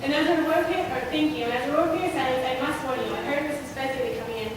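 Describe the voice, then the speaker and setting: A woman playing an excitable, chatty young woman in a stage play. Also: high voice, fast talker, natural voice. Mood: excited. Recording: echoey hall, far from mic, noisy.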